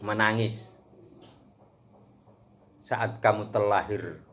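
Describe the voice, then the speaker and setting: A man with a Javanese accent giving a casual religious talk as a preacher, animated and joking, chuckling often. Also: on the low side, drawn-out words. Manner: animated, chuckles often, mixes teaching with jokes.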